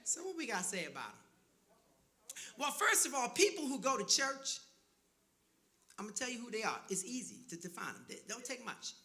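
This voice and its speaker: Bright, teasing preacher-comedian in a roomy hall. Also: male voice, very high-pitched, big pitch swings, a little fast, long pauses. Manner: loud, teasing crowd work with call-and-response. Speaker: pastor and comedian. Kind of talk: stand-up comedy set. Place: church sanctuary before a live audience.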